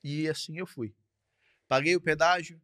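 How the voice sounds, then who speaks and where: A man's voice: a little high, steady tone, normal speed, sharp tone, dry recording, clean studio sound. Man telling a trucking story plainly. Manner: repetitive, conversational, frequent tag questions. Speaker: truck driver guest. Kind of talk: casual storytelling. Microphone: podcast studio mic.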